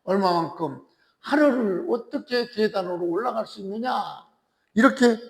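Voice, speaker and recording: A man lecturing on a classical text. He explains slowly, repeats phrases, and keeps checking in with his listeners using quick tag questions. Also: high voice, creaky. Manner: slow and deliberate, repeating and restarting phrases. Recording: echoey lecture hall with long reverb.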